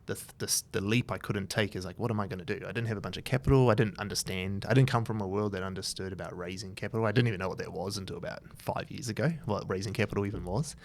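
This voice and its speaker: Low-voiced New Zealand man, rambling. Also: steady tone, fast, creaky, hardly any pauses. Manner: loose and rambling, many fillers and restarts. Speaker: guest, entrepreneur. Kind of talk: casual interview chat. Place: his office.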